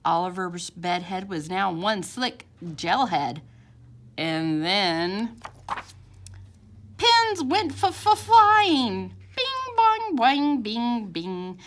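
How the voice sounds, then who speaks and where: With a mid-range voice and a bit of background noise, a woman performs a picture book for young children. Her reading is dramatic and expressive, with elongated words and sound effects.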